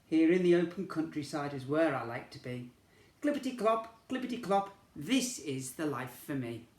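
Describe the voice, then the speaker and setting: A man's voice: a little high, animated, normal speed, a little mellow, reverberant, natural voice. A man voicing a restless, longing male rocking horse in a picture-book reading, with a sing-song, wishful delivery. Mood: wistful.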